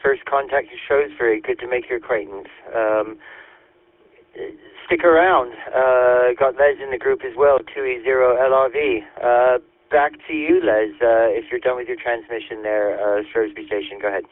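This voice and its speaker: A man's voice: mid-range voice, fairly even intonation, normal speed, no room sound. A friendly, upbeat man coming over a two-way radio as he runs an amateur radio net, full of call signs and operator codes. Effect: heard over a two-way radio link. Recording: dry, phone-like radio audio.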